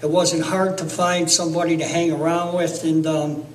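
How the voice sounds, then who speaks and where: A man's voice: on the high side, level tone, moderate pace, echoey room, recorded from a distance, a little hiss or hum, low-quality recording. A man in his fifties from Connecticut, telling his own life story plainly in a documentary interview. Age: 50s. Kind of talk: documentary testimony.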